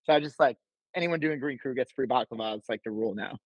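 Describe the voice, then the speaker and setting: A man's voice: medium pitch, fast talker, dry recording, dull audio. A young man from New Jersey, a podcast guest, telling loose rambling stories and saying "like" constantly. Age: young adult. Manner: laid-back, filler-heavy, says "like" constantly. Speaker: podcast guest, baklava vendor. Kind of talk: casual chat, rambling storytelling.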